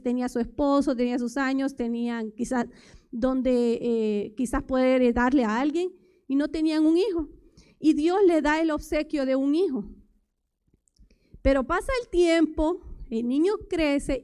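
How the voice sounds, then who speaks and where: A lay preacher with a high-pitched, darkish voice delivers a sermon at a church service. She speaks conversationally and puts many rhetorical questions to the congregation.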